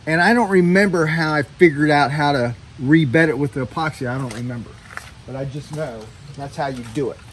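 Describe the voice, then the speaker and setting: A middle-aged boat owner works under a hull in a boatyard, talking plainly through his repair in a casual how-to style. His voice is fairly high and fairly quick, with a little hiss or hum behind it.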